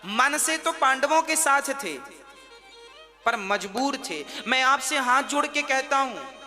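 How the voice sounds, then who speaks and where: A man's voice: extremely high pitch, animated, takes it slowly, pushed and bright. A man telling a devotional story as a sermon, urging the listeners directly as he preaches to an audience in a large hall. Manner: exhorting, addresses listeners directly. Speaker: religious storyteller. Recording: reverberant hall with instrumental music.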